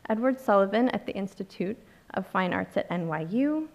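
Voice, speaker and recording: A woman organizer reads through a scripted list of thanks at a podium microphone in an auditorium. Her voice has a gravelly, creaky edge, and her pace stays measured throughout. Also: mid-range voice, animated, darkish tone, dull audio. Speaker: conference organizer. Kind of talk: formal acknowledgements from a script.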